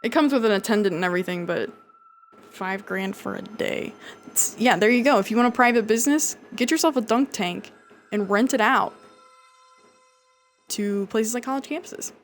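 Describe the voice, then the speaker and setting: A woman's voice: on the high side, normal speed, pauses often, slight background noise. A woman live streamer chatting casually and jokingly with her chat while she plays a video game, swearing freely.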